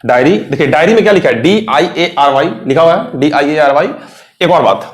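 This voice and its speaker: A man with a fairly high voice teaches an exam-prep English lesson in a chatty, reassuring way. He spells words out letter by letter. The recording has a noticeable room echo. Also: brisk.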